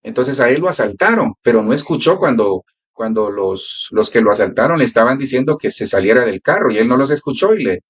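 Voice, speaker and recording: A man's voice: medium pitch, expressive, a little fast, breathy edge. A male pastor who prays and then teaches a church class, telling stories in a prayerful, earnest way.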